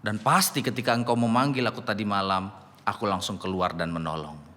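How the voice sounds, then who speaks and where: A man voicing a calm, patient God. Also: on the low side, big-room sound, voice pushed down. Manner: slow, calm and even. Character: calm, patient male God speaking gently.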